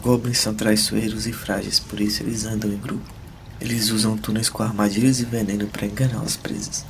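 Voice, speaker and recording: A man's voice: fairly low pitch, little pitch movement, brisk, a little hiss or hum, lightly acted. A man voicing a sarcastic, knowing young adventurer mage in a fantasy audio drama, wry and explanatory. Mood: explaining.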